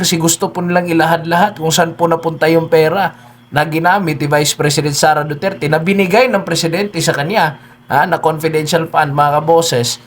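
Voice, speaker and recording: A man giving solo political commentary, speaking politely, with frequent hesitations, and often turning to his listeners with tag questions. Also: fairly high pitch. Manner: keeps addressing listeners, tags lines with "no?" and "di ba?".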